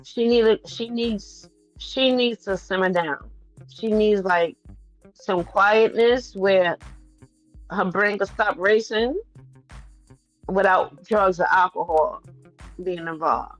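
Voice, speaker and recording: Female livestreamer, medium pitch. Candid, profane, emphatic repetition, faint music underneath. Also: takes it slowly, pauses often, highs cut off. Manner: blunt, profane, repeats phrases for emphasis. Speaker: livestream host. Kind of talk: casual, candid livestream chat to viewers.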